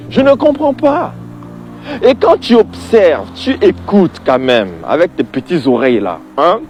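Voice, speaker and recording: Addressing the listener directly, a man offers his religious views in a casual monologue, sounding exasperated and repeating himself for emphasis. His voice is high and a touch mellow, with some hiss or hum in the recording.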